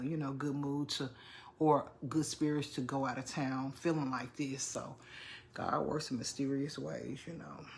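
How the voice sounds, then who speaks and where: A middle-aged vlogger speaks in a low, creaky voice, chest congested and feeling under the weather. Talking casually to viewers she calls "y'all," she repeats herself, with slight background noise present.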